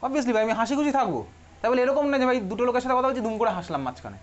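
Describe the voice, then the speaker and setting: A man's voice: very high-pitched, lively intonation, rapid-fire. A man teaching a chemistry class with a Bengali accent, chatty and teasing, often asking the students questions. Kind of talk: classroom lecture. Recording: dull lo-fi classroom recording.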